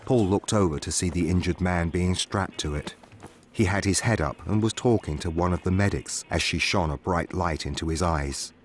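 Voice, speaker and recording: A man who streams spooky stories, reading a horror story aloud in a steady, measured way. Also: low voice, a little hiss or hum. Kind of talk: scripted horror story narration. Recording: music playing behind the voice.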